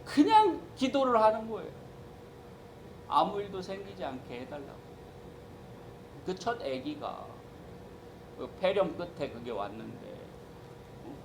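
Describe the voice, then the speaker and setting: A man's voice: high voice, sing-song, measured pace, vocal fry, long pauses, background noise. A man preaching a sermon as pastor, emphatic and acting out the voices he quotes.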